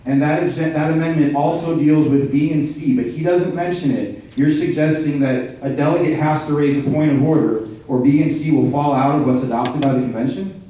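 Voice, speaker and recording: A man with a dark-toned, rather high voice and fairly even intonation speaks a little fast as a delegate, pressing the chair with precise, methodical and insistent questions in a formal procedural debate. A floor microphone captures him from a distance in a large, echoing indoor meeting room.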